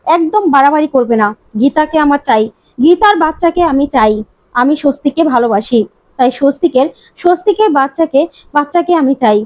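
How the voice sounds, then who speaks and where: A woman's voice: high voice, animated, fairly quick, a little mellow, dry recording. A woman voicing a scheming, obsessive young woman who keeps repeating her demands. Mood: threatening. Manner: insistent, repeating herself. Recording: slightly muffled dry recording.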